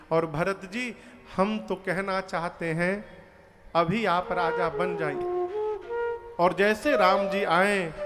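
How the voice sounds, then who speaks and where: A man preaching a devotional story sermon, slow and emphatic, acting out dialogue and chanting verses. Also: high voice. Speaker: Ram Katha preacher. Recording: long hall reverb with faint music.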